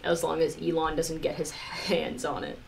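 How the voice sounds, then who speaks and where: Her voice sits low and gravelly, with a level tone and moderate pace, captured in a rough recording with slight background noise. This live-streaming music producer rambles casually to viewers, using "like" a lot and swearing mildly.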